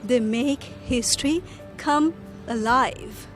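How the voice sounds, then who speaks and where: A woman playing a friendly tourist who answers a reporter's questions slowly and carefully for an English lesson. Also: on the high side, faint music behind. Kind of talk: scripted English lesson dialogue. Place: outdoors in a city.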